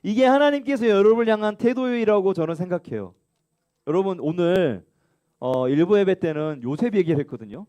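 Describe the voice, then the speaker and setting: A man preaching a children's sermon in a church, leading the group in reading aloud together. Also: fairly quick. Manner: lively, acts out the elder son's complaints in a high whiny voice; leads call-and-response reading. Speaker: children's pastor. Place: church sanctuary.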